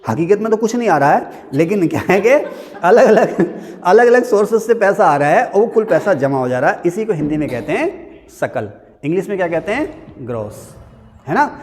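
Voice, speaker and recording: A man's voice: high voice, very animated, normal speed, darkish tone. A man teaching an economics class in a classroom, joking and quizzing his students in a conversational way. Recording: hall reverb.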